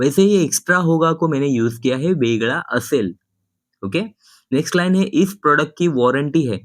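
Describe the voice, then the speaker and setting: A man's voice: mid-range voice, a bit bright, no echo, clean studio sound. A man teaching a casual lesson, patiently repeating words and contrasting pronunciations as he talks to his viewers. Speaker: language teacher.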